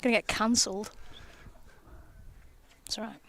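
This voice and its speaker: A woman's voice: medium pitch, fairly even intonation, measured pace, a bit bright. A young woman, a professional cricketer, co-commentating live cricket on a headset outdoors, chatty and teasing. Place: outdoors under a gazebo at a cricket ground.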